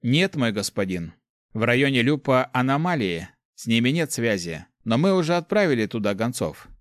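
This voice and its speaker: A man's voice: medium pitch, sing-song, normal speed, dry recording, clean studio sound, lightly acted. A man reading a fearful, deferential messenger reporting to his lord, in an audiobook. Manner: timid, mumbling, deferential.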